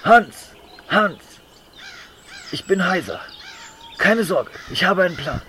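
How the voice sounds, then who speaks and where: Actor as male cop, cocky, bumbling, highish voice, comic audio drama. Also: lively intonation, measured pace, bright, forceful tone, slight background noise, exaggerated voice. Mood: bumbling, eager. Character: cocky, bumbling, flirtatious male police detective. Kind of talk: comedic audio drama acting.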